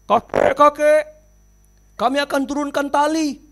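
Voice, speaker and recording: A preacher doing urgent rescuers calling out. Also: male voice, very high voice, fairly even intonation, measured pace, gravelly, fairly bright tone, exaggerated voice. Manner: urgent, pleading, raised voice.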